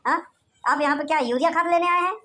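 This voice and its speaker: Woman doing a cartoon news reporter guy, high voice, formal tv patter, pushy. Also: fast talker, pushed and bright.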